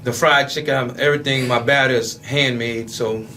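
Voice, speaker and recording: A man's voice: medium pitch, fairly even intonation, a little fast, sharp tone, slight background noise. A man, an easygoing cook who repeats himself as he talks. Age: 40s. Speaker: restaurant owner guest, cook. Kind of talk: casual interview.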